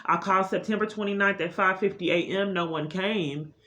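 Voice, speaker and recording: Recorded in an echoey room, a vlogger with a medium-pitched, slightly bright voice talks a little fast through an unscripted monologue of grievances. Her tone is insistent and aggrieved, and the muffled audio carries heavy noise and clicks.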